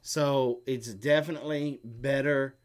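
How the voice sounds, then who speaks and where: A middle-aged man with a mid-range voice, fairly even intonation and a measured pace co-hosts a homestead live stream. He casually chats and responds to questions, drifting into explanations peppered with fillers.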